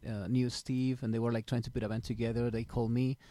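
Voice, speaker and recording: A young man from Spain, a guest musician, talking in a relaxed, easygoing way in a small home studio. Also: medium pitch, fast, no room sound. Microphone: stand mic.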